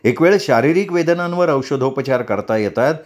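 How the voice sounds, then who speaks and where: A male storyteller reading a novel aloud at a measured pace. His voice sits at a middling pitch and moves reflectively through the prose. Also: lively intonation. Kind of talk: audiobook narration.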